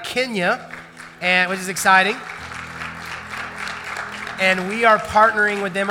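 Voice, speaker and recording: In a large church auditorium, a pastor makes casual, conversational announcements and introduces a guest, using loose fillers and restarts. His voice is high-pitched, pushed and bright, echoing through the large hall.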